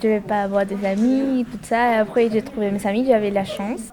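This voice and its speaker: A woman's voice: mid-range voice, fairly even intonation, brisk. A young woman in her twenties from Colombia, answering interview questions about her art prep class in simple, direct phrases. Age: 20s. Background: crowd chatter.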